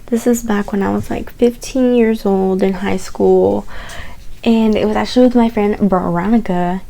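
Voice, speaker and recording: A young adult woman vlogging, telling stories in a candid, animated, casual way, swearing and saying "like" often. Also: medium pitch, normal speed, gravelly. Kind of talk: casual chatty storytelling.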